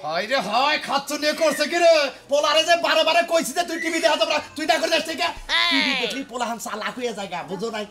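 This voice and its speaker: A man's voice: extremely high pitch, quick pace, creaky, loud music behind the voice. A man playing a village father who scolds and boasts. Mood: boastful.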